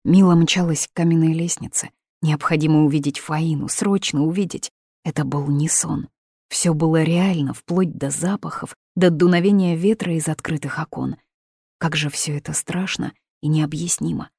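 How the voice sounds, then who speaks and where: Woman narrator, scripted audiobook reading, low voice, dry close sound. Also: steady tone, normal speed, creaky, darkish tone, breathy edge, no room sound.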